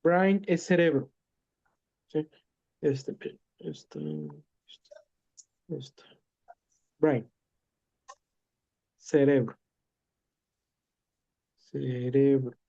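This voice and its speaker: A man's voice: medium pitch, sing-song, extremely slow, long pauses, mellow. A man teaching an English lesson in Spanish. He explains patiently, repeats and translates words step by step, and often hesitates and corrects himself. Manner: many hesitations and self-corrections. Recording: dull lo-fi recording.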